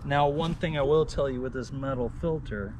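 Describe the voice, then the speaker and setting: Man, casual gear vlogger, mid-pitched and easygoing, thinks aloud, faint noise behind. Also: moderate pace. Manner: relaxed, chatty, thinks aloud. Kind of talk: casual product demo.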